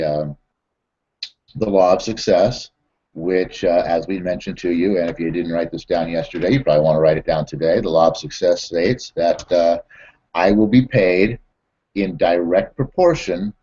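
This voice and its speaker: A man who trains network marketers, telling stories and recapping a lesson in a halting way full of fillers and repeated words. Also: low-pitched, dark tone, muffled recording. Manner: repetitive, halting, many fillers and restarts. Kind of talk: storytelling and motivational training recap.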